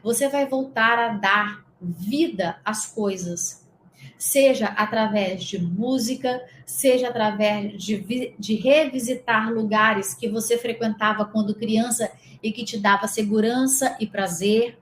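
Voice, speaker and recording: The spiritual coach, a Brazilian woman from inland Espírito Santo, speaks a little slowly in a fairly high voice, her Brazilian Portuguese accent clear as she chats and rambles through a casual guided lesson aimed straight at the listener. The recording is roomy, with a touch of hiss or hum.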